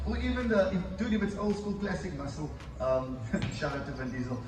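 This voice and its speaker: A man with a broad South African accent chatting casually and excitedly about cars, in an enthusiastic, slangy way. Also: fairly high pitch, a little fast. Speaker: guest. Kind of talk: casual excited car chat. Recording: distant mic, loud car and street noise.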